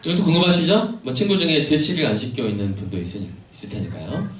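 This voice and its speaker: A man's voice: medium pitch, big pitch swings, quick pace. A male pastor preaching a sermon in a church sanctuary, posing questions to the congregation and adding joking asides. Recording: echoey church hall from far off.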